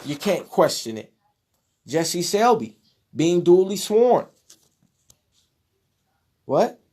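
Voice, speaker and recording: A speaker addressing followers gives an impassioned monologue while showing documents, in a mid-range, dark voice with big pitch swings at a very slow pace. Preachy and emphatic, he exclaims at times and sounds out of breath. A little hiss or hum is audible.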